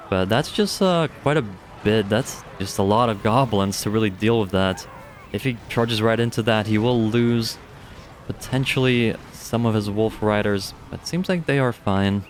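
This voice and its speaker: Speaking into a studio dynamic mic, a deep-voiced young man gives chatty, casual live commentary on a strategy game match and swears offhandedly. There's slight background noise.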